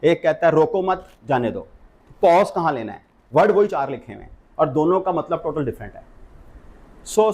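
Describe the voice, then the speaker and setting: A man's voice: high voice, darkish tone. Pakistani man lecturing on law. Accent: Pakistani Urdu. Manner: explains step by step, mixing English legal terms.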